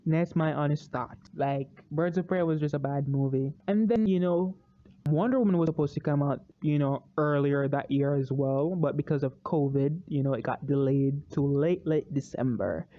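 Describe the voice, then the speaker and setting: A movie review vlogger ranting casually and opinionated, animated, swinging into loud excited outbursts and repeating words when worked up. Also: medium pitch, normal speed, phone-quality sound.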